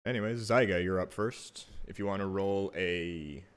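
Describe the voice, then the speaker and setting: Low-voiced man as game master. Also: moderate pace, clean tone. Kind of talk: narrating a tabletop roleplaying game.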